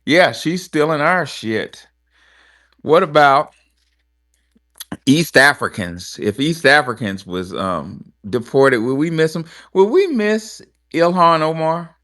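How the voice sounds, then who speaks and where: A man from Alabama, hosting a casual talk show in a blunt, animated manner. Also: a little high, takes it slowly. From Alabama, USA. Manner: animated and blunt, with frequent restarts and swearing. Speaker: host.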